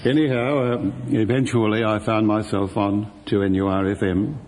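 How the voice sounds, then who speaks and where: A man's voice: on the low side, fairly even intonation, moderate pace, a little mellow, big-room sound, slight background noise. An older man, a retired radio presenter telling stories and acting out both sides of old conversations. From Australia. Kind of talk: reminiscing storytelling.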